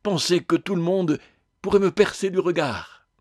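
A tearful, ashamed woman ghost, as a male reader puts her on, her voice pushed up high and strained. She pleads and protests in an agitated way. The storybook reading is close and dry. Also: normal speed, darkish tone, no echo. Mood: anguished. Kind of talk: audiobook character voice.

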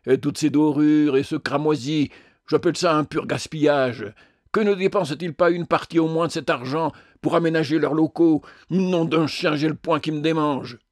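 A man's voice: on the high side, steady tone, moderate pace, darkish tone, dry recording, studio quality, lightly acted. A man voicing a resentful bus passenger in an audiobook, grumbling sarcastically.

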